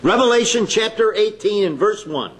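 A man preaching a sermon in a slow, deliberate, emphatic way, pausing between phrases. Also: high-pitched, expressive.

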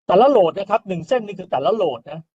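A man's voice: high voice, rapid-fire, slightly rough, muffled recording. A male engineering lecturer giving an informal recorded lecture. He explains step by step and often checks in with "right?". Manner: explains step by step, often asks "right?" and adds polite particles.

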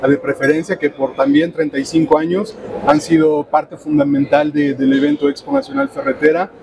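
A middle-aged Mexican man with a somewhat high voice answers questions in a businesslike way, often stopping on little filler sounds. He speaks into a lapel mic at a booth, and the steady noise of a crowded expo hall is clearly heard around him. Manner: businesslike, many filler pauses. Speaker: trade show director. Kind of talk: interview answers. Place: trade show booth indoors. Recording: noisy expo floor ambience.

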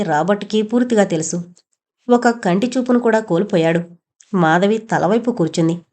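A woman reads a novel aloud as a steady audiobook narrator. She speaks both the men's and the women's lines in her own everyday voice, in an ordinary middle pitch. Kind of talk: scripted novel narration with character dialogue.

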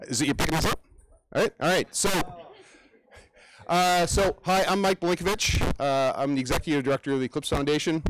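A man with a Canadian accent moderating a panel at a conference, speaking in a relaxed, chatty way with many fillers. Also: on the high side. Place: conference room. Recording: noisy room recording.

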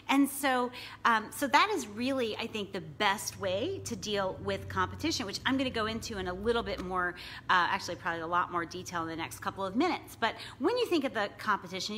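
A woman in her thirties, a small business coach, chats casually to a phone camera held at arm's length while seated on her living room couch. Her medium-pitched voice sounds pushed and bright, and she fills her talk with "you know" and tag questions like "right?"

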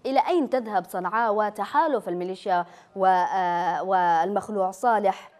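A woman hosting a live TV news interview from a studio, asking questions quickly with many hesitant fillers. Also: medium pitch, a little mellow. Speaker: news host.

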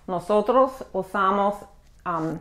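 Woman teacher, patient live lesson, slow delivery, lots of restarts and fillers. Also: medium pitch, animated, a bit bright. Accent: American English accent in the English words. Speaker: English teacher. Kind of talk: live-streamed language lesson.

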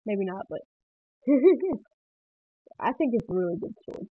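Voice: medium pitch, a little slow, husky, dry recording. A speaker giving casual gameplay commentary for a guide, rambling and hesitant, often laughing and trailing off. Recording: tinny phone-like dry sound.

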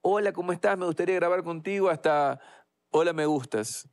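A man's voice: fairly high pitch, a little fast, darkish tone. A man hosting a TV interview in a studio, asking playful, teasing questions. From Ecuador. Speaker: TV host.

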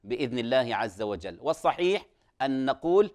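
A man teaching Quran recitation on a TV lesson, explaining errors with many pauses and reciting example words slowly and carefully. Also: medium pitch, sing-song, darkish tone. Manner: frequent hesitation fillers.

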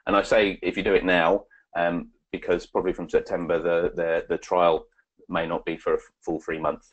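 Deep-voiced man, halting webinar talk. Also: level tone, dull audio. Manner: halting, many fillers and restarts. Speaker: webinar presenter and consultant. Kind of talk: webinar presentation and Q&A.

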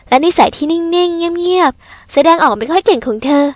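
A woman reading a first-person audio novel aloud in a gentle, polite storytelling manner. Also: extremely high pitch, animated, moderate pace, no echo, studio quality.

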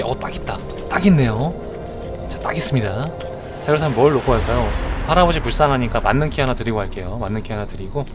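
A man streaming a game live, chatting in a joking, mock-earnest way as he justifies his moves. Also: medium pitch. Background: music.

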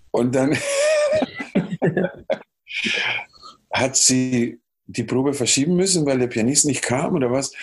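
A man from Chile with a Chilean Spanish accent, a music producer telling animated stories in a podcast interview, humming melodies and acting out dialogue. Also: mid-range voice, breathy edge. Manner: animated storyteller who hums melodies and acts out dialogue. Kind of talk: casual podcast interview storytelling.

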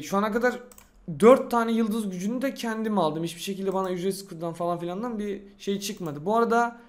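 A young man giving casual, excitable gameplay commentary, talking to himself and boasting in slangy speech. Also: sits high. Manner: excitable, talks to himself while playing. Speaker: gaming YouTuber.

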